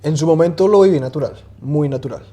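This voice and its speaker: A man in his twenties, a guest talking casually in an interview and often pausing with fillers and restarts. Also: fairly high pitch. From Colombia. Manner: relaxed, hesitant, many fillers and restarts. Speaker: guest swimmer.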